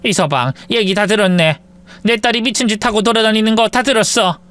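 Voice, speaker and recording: A man's voice: high voice, a little fast, a bit bright, smooth, pitched above the performer's own voice. Man putting on an older mother-in-law. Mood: pleading. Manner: tearful, pleading, old-fashioned speech.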